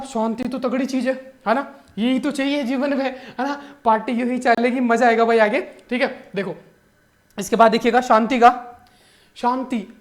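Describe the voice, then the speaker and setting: A man, teaching exam current affairs through jokey mnemonics in an animated, playful way. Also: very high voice. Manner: animated and joking, keeps calling the viewer brother. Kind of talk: comic mnemonic lesson.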